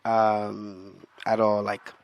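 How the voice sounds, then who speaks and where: A man's voice: lowish voice, monotone, drawn-out words, no room sound, highs cut off. A young man from Jamaica, a musician guest in a casual interview, talking in a laid-back way with many fillers.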